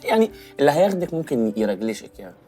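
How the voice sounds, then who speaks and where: A man's voice: mid-range voice, very animated, racing, mellow, soft background music. An actor playing an awkward young man who stammers and hesitates with many fillers, speaking Egyptian Arabic. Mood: nervous. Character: awkward young man confessing love, nervous. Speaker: leading man in a comedy drama series.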